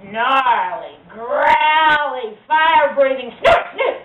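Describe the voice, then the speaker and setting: A woman's voice: high voice, very animated, takes it slowly. A woman telling a children's story live in a theatrical, folksy, emphatic manner. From Louisiana, USA. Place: live before an audience of children, distant mic. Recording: tinny, distant, echoey live recording with noise.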